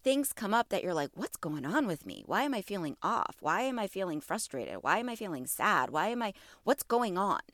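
Speaking at normal speed with few pauses, a woman in her thirties uses a medium-pitched voice that swings widely in pitch. She hosts a wellness podcast, and her slightly congested, allergy-stuffed voice stays casual, warm, and encouraging as she asks listeners questions. The studio sound is clean, without echo.

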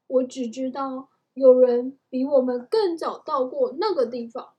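A woman's voice: sits high, unhurried, mellow, lo-fi sound. A woman reading a storybook aloud, voicing a thoughtful, cautious young boy in an earnest tone close to her own voice.

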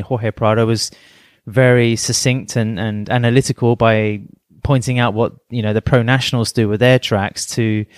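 A man's voice: medium pitch, no echo, clean studio sound. A middle-aged man co-hosting a podcast, talking things through in a thoughtful, rambling way with many fillers. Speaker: podcast co-host. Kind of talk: casual chat.

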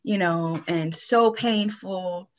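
A woman co-hosting a podcast in casual chat, telling stories with lively laughs and lots of "like" and "you know.". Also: lowish voice, takes it slowly. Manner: chatty, animated storytelling with frequent laughs; frequent fillers like "like" and "you know". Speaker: podcast co-host.

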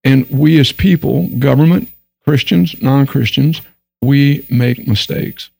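On a candid discussion panel, a guest from Texas speaks slowly with a Texan accent, his mid-range voice showing vocal fry and a slightly mellow quality. The recording is dry and low in quality. His delivery is earnest and emphatic, sometimes slipping into impressions of the people he quotes.

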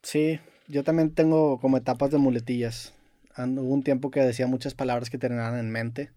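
A young Mexican man co-hosting a podcast, talking in a relaxed, reflective way with casual slang. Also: medium pitch, a little fast, no room sound, studio quality. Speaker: podcast co-host. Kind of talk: casual chat.

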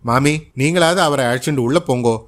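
A man voicing a calm, kindly older husband who gently soothes his tearful wife in a story reading. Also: medium pitch, natural voice. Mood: soothing. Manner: unhurried, gentle and reassuring.

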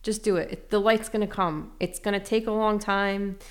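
A woman's voice: medium pitch, steady tone, moderate pace. A woman speaking as an interview guest, candid and reflective, often breaking into light laughter as she tells her story. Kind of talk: casual emotional interview.

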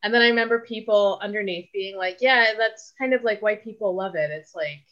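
A woman's voice: mid-range voice, brisk, fairly bright tone. A young woman from Canada, a podcast guest, talking casually and rambling with lots of fillers. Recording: dull lo-fi audio.

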